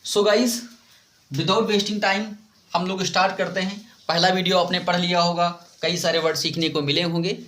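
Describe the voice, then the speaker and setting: A man's voice: high-pitched, flat delivery, normal speed, a bit bright. A man with an Indian English accent teaching a lesson in a mix of Hindi and English, explaining step by step, repeating words and asking the class questions.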